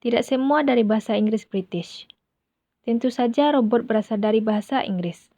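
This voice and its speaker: A woman reading a translated voice-over in a steady manner. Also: fairly high pitch, fairly quick, no room sound. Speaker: voice-over interpreter. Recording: dull, dry lo-fi recording.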